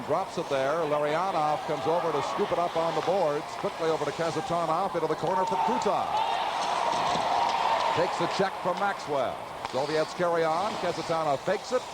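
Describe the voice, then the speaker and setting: A man calling live ice hockey play-by-play as a commentator on an old, noisy arena broadcast. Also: on the high side.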